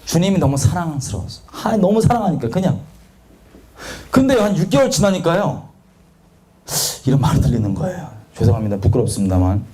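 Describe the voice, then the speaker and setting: A man delivers a confessional sermon about his own failings. His voice sits on the high side and his pitch leaps and dives constantly. He slips into the voices of the people he quotes and mocks himself bluntly. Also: very animated, brisk, dark tone, a little hiss or hum. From South Korea. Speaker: preacher giving testimony. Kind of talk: testimony sermon.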